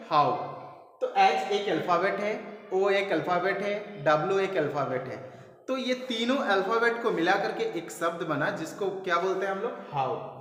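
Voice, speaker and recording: A man teaches a lesson step by step, asking questions and answering them himself and spelling words letter by letter. His voice sits high and bright. A long reverb trails behind him in an echoey room. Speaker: English teacher. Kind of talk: classroom lesson explaining step by step.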